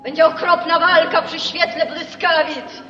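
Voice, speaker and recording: An actress playing a fierce prophetess foretelling slaughter in intense, incantatory stage verse. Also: female voice, very high-pitched, level tone, measured pace, crowd noise. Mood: ominous, fierce. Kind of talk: theatrical verse tragedy acting. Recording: dull echoing theatre film sound.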